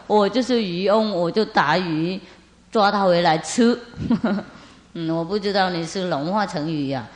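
A woman's voice: fairly low pitch, unhurried, natural voice. A woman voicing an ordinary male fisherman who argues plainly in his own defense. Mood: defensive. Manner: matter-of-fact, reasoning. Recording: long hall reverb.

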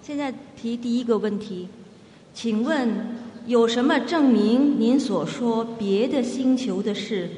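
Mellow woman reading questions in an echoey hall. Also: a little high, measured pace, a little hiss or hum. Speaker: question reader for the audience. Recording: echoey hall with long reverb.

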